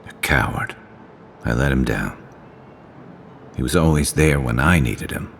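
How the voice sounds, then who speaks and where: An actor playing a weary, guilt-ridden male veteran mercenary in a video game, speaking in a halting, confessional way. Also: rumbling low, vocal fry, exaggerated voice. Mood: somber. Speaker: companion character. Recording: game audio with long reverb and faint noise.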